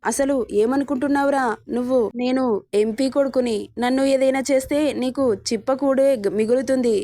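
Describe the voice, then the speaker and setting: A woman's voice: high voice, steady tone, normal speed, dark tone, natural voice. A woman voicing a cowardly young man who threatens and then begs for mercy in a read-aloud story. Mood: boastful. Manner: pleading, desperate. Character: cowardly young man, bully turned begging.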